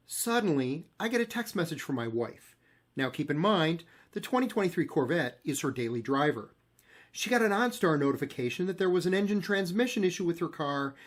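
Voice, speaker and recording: A man with an American accent explaining and narrating as the host of a car video. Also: fairly high pitch. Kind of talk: explanatory tutorial and storytelling narration.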